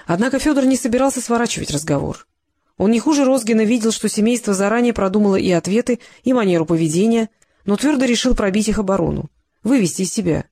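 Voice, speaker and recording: Role: audiobook narrator. Style: scripted narration. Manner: measured. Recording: dry. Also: medium pitch, a little mellow, dry recording. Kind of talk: scripted narration of a detective novel.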